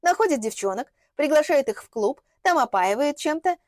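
A woman's voice: sits high, expressive, moderate pace, no echo, studio quality, voice pushed up. A woman reading an audiobook, voicing a bold, sarcastic young heroine who confronts and mocks. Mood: scornful. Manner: mocking, confrontational.

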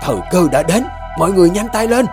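Guy doing a fierce old exorcist lady in a ghost story, yelling orders high and shrill. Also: lively intonation, fast talker, music in the background. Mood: shouting orders. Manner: shouting urgent commands. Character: fierce elderly female village exorcist, commanding.

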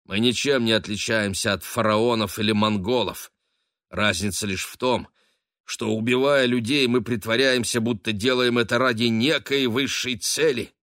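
A man voicing a weary old sea captain in an audiobook, speaking in a booming, grim and forceful manner. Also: steady tone, normal speed, no room sound, studio quality, natural voice. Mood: bitter.

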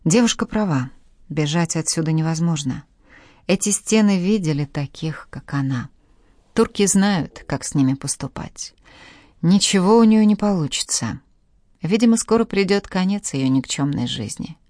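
Low-voiced woman narrating an audiobook. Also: expressive, normal speed, a little mellow, dry recording, studio quality. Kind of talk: scripted narration.

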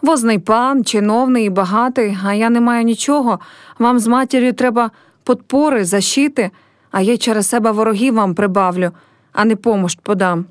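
A woman's voice: on the high side, normal speed, no room sound, clean studio sound, natural voice. A woman reading a play aloud and voicing an earnest, troubled poor young man in love.

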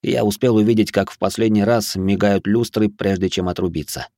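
A man reading a first-person audiobook in steady scripted narration. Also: lowish voice, a little fast, no room sound, clean studio sound.

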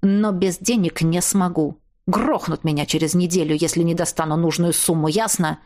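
A woman's voice: fairly low pitch, darkish tone, voice pushed down, close to an everyday voice. A woman voicing a crude, threatening man who has kidnapped his ex-wife, with coarse, mocking speech. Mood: gruff. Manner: coarse, mocking, slow menacing delivery.

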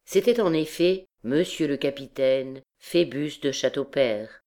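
A woman's voice: extremely low pitch, unhurried, warm tone, soft background music. Woman reading a classic novel. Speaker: audiobook narrator. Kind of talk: classic novel audiobook narration.

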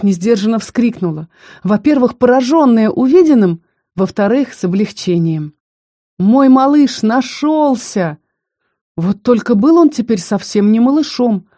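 A woman's voice: fairly high pitch, warm tone, no room sound, clean studio sound. A woman narrating a fantasy story in the first person, telling it expressively. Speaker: audiobook narrator.

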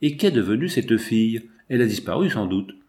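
A man's voice: lowish voice, expressive, brisk, a little mellow, close to an everyday voice. Haughty rich male capitalist, curt and condescending, as read by a man. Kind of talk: audiobook character voice.

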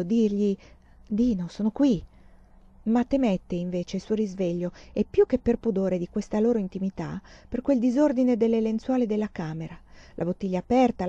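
A woman reads literary fiction aloud, measured and expressive, with a mellow, darkish tone. The sound is dry and close, with a slightly muffled top end. Her pitch sits in an ordinary middle range. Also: dry recording. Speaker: audiobook reader. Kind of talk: literary audiobook narration.

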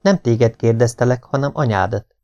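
A man voicing a brisk, matter-of-fact police officer questioning a family. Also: mid-range voice, a little mellow, lightly acted. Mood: businesslike. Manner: businesslike questioning. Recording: dull lo-fi recording.

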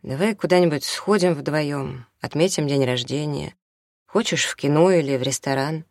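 Narrator voicing a quiet, weary young father. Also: mid-range voice, moderate pace, no room sound, studio quality, close to an everyday voice. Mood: subdued.

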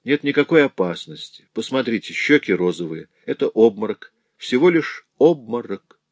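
A man's voice: mid-range voice, sing-song, moderate pace, a little mellow, dry recording, voice pushed up. Man voicing a composed soothing woman. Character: composed caring woman at the bedside.

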